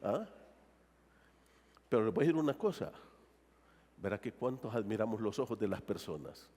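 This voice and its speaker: A man's voice: fairly low pitch, big pitch swings, normal speed, darkish tone, breathy edge, in a large hall. A male pastor preaching a sermon in a church and often asking the congregation rhetorical questions. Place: church sanctuary.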